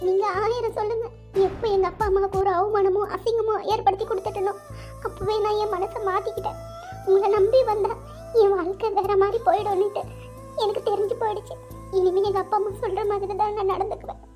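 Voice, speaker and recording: Squeaky high cartoon girl, quick and stubborn, indignant, woman voicing her. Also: little pitch movement, mellow, soft background music. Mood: resolved. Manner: firm, indignant, reproachful. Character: young woman, stubborn and wounded bride-to-be.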